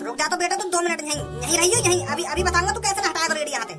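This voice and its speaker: A woman's voice: very high-pitched, rapid-fire. A woman voicing a rude, pushy young male street vendor, taunting an old man. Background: music.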